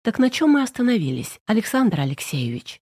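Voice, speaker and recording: A brisk, no-nonsense woman lawyer who talks in short, clipped commands, as a female audiobook reader voices her. The tone stays warm and dark. The sound is close and dry. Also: a little high, sing-song, breathy edge, no room sound. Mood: curt, tense. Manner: curt, commanding, hushed.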